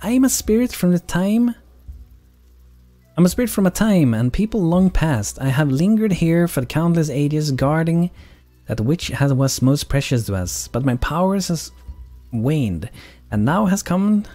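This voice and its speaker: A man's voice: a little high, lively intonation, measured pace, mellow, soft background music, voice pushed up. A man voicing an ancient, weary guardian spirit that pleads earnestly for help, reading video game dialogue aloud. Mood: solemn, weary.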